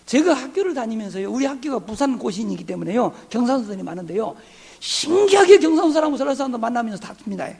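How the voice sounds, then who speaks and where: A man's voice: extremely high pitch, very animated, fast talker, creaky, darkish tone, slightly rough. A middle-aged man from Korea's southwest, a pastor, preaching a sermon in a conversational way with many rhetorical questions. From Honam region, Korea.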